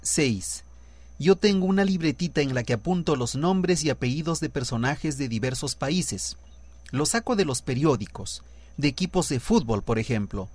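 A man's voice: on the high side, animated, normal speed, darkish tone. A man reading numbered writing tips from a script and going through long lists one item at a time. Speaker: writer giving writing tips.

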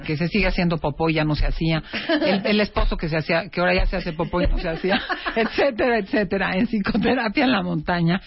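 A woman co-hosting a radio show, chatting casually and laughing easily. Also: breathy edge. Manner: animated, laughs easily, high-pitched laugh. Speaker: radio co-host. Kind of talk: casual radio chat and live ad reads. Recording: dull lo-fi radio broadcast.

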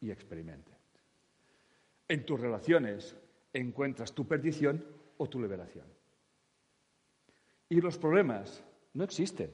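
A man's voice: mid-range voice, unhurried, long pauses, in a large hall. A man giving a humorous spiritual talk to an audience, acting out quoted voices with crude jokes. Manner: lively, acts out quoted voices, jokey and crude. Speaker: spiritual speaker.

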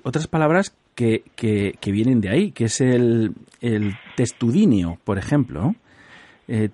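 Man, radio host, dark husky voice, dry close sound, chatty, laughs a lot. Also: medium pitch, dry recording. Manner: chatty, laughs often, explains word origins. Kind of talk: casual radio chat.

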